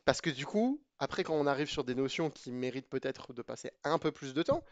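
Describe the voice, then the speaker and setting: A man's voice: mid-range voice, lively intonation, brisk, no room sound, dull audio. A man giving a casual spoken review of programming books to his viewers, chatty and opinionated, hesitating with many fillers and restarts.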